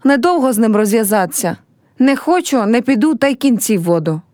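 A woman's voice: on the high side, sing-song, brisk, darkish tone, no room sound, studio quality. A woman reading a play aloud and voicing a young village girl who is heartbroken and proud, speaking in a pleading, reproachful way.

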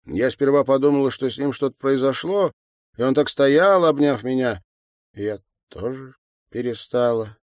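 A man reading an audiobook, voicing a tall, composed woman who answers flatly and haltingly. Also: medium pitch, dry recording, studio quality, voice pushed up, close to an everyday voice. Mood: recounting.

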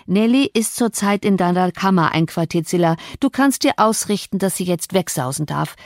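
A woman's voice: lowish voice, expressive, moderate pace, dry recording. A cold, mocking master of the house giving curt orders, as a woman narrator reads him. His words come sardonic and clipped, in a plain storybook reading voice. The sound is dry and close.

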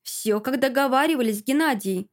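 A woman's voice: moderate pace, close to an everyday voice. A woman voicing an envious, spiteful young woman who hisses and mocks her friend. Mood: fawning. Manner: hissing, shrill, mocking.

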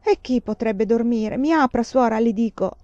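A woman reading a storybook voices a desperate young foreign student who pleads and shouts to be let out. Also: fairly high pitch, measured pace, no room sound, lo-fi sound. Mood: frantic.

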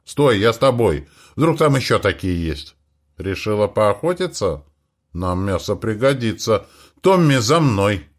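A man's voice: fairly low pitch, sing-song, a little slow. A man voicing a practical, stubborn young woman space traveler who answers bluntly. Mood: matter-of-fact.

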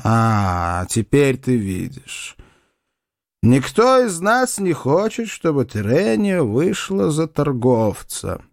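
A man voicing a stern, pompous older father, a doctor who lectures in measured, condescending tones. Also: mid-range voice, huge pitch swings, vocal fry, no room sound, clean studio sound, full character voice.

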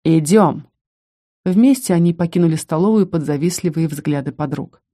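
A woman narrating a first-person audiobook with expressive storytelling. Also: on the low side, brisk.

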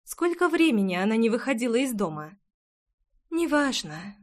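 A woman narrating a first-person audiobook in a lively, expressive way. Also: a little high, moderate pace.

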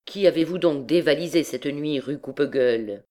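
A woman's voice: low-pitched, moderate pace, a little mellow, natural voice. A woman voicing a swaggering young male army captain who bellows oaths boisterously.

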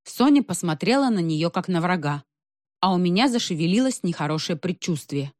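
A woman reading a story aloud in scripted narration, with a wry, expressive delivery. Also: lowish voice, brisk, no echo, studio quality. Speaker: audiobook reader.

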